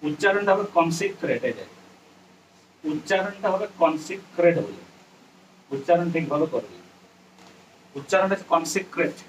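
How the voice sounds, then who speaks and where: A man's voice: a little high, expressive, normal speed, long pauses. A man, teaching a poem to a class, repeating points and spelling words letter by letter to his students. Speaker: English teacher. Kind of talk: classroom lecture explaining a poem. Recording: distant mic with faint ambient noise.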